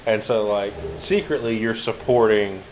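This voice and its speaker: A man co-hosts a let's play over drinks and sounds a little tipsy. He talks in a somewhat low voice, rambling in a laid-back way and slipping in dry jokes. Faint background noise runs beneath him. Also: a little slow, darkish tone. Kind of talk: casual gaming chat.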